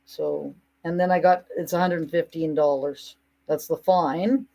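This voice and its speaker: A woman's voice: sits low, steady tone, unhurried, vocal fry, warm tone. A woman talking casually to her audience in an indignant, rambling monologue, often breaking into mocking asides. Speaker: commentator.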